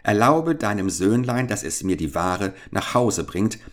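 A man reading a fairy-tale audiobook, voicing a hoarse, spiteful old witch who mutters, mocks and repeats her words in a sing-song. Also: lowish voice, animated, measured pace. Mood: grim.

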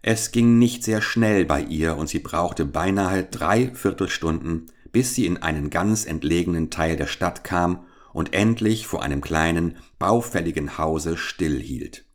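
A man reads an old fairy tale aloud in a calm, even storytelling voice. His pitch sits very low, giving the narration a deep, steady base. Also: measured pace, hardly any pauses. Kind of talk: fairy-tale audiobook reading.

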